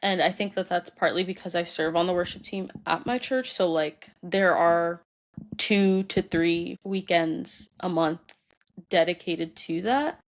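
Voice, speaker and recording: A young woman hosting a solo podcast, talking about her feelings in a halting way with many fillers, tearful and crying at times. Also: fairly low pitch. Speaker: podcast host. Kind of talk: personal solo podcast talk.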